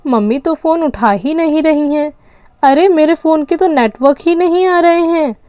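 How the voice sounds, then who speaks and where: A woman's voice: high-pitched, moderate pace, a little mellow, no room sound. A woman narrating a doll story and voicing the mother, in a chatty, motherly, warning tone. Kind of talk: doll story role-play.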